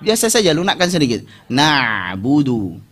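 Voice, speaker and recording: An Indonesian man teaching Quran recitation, modeling each word slowly and then correcting and explaining. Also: fairly high pitch, animated, a bit bright. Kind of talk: step-by-step recitation lesson.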